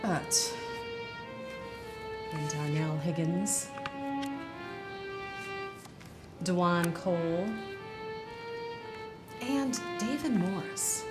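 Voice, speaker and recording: A woman playing a tough, businesslike homicide detective in a drama, questioning in a measured, insistent way. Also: on the low side, expressive. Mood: accusing. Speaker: actor. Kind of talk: dramatic interrogation scene acting. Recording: loud music behind the voice. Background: loud instrumental music.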